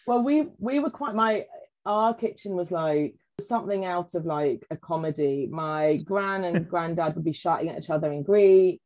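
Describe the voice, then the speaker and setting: Woman, 30s, podcast guest, chatty storyteller, slightly low voice, lots of "you know". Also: normal speed, low-quality recording. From England. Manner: animated storyteller, acts out quoted voices, frequent "like" and "you know". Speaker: podcast guest, food writer. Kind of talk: casual chat.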